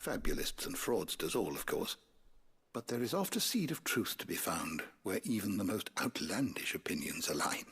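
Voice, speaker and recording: A man's voice: sits low, sing-song, fairly bright tone, husky, exaggerated voice. An actor playing a learned, courtly man who speaks in a formal, old-fashioned way in game dialogue. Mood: earnest. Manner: measured, formal, archaic phrasing.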